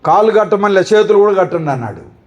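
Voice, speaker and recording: A pastor with a high voice and big pitch swings preaches fast into a microphone, firing off rhetorical questions and repeated lists. It's a Telugu sermon with congregation call-and-response, and the audio is dull.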